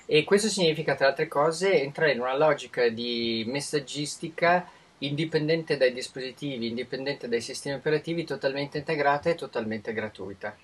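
An Italian man answers interview questions as a tech expert, his husky, medium-pitched voice a bit bright. He explains in a measured, informative way but restarts frequently.

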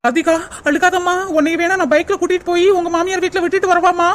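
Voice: very high voice, fairly even intonation, fast talker, a bit bright. A woman voicing a meek, put-upon daughter-in-law in a cartoon, talking in a plaintive, pleading way. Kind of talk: cartoon voice acting.

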